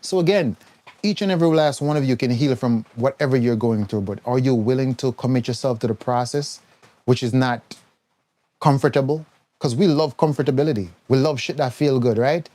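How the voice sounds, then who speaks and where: A man's voice: medium pitch, fairly quick, mellow. A man giving a blunt, scolding health talk on a live stream, mimicking the people he quotes. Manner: mimics others in quoted voices. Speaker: herbal health coach.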